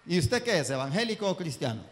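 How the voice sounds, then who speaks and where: A man's voice: very animated, quick pace, slight background noise. Impassioned man preaching in a reverberant hall. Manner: impassioned, swings between booming and hushed. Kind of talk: sermon.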